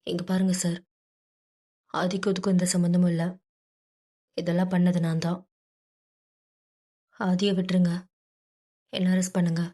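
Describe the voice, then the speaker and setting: A woman's voice: fairly low pitch, flat delivery, moderate pace, pauses often, dark tone, natural voice. A woman voicing a grown man, a loyal friend who earnestly pleads to be arrested in his friend's place. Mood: pleading.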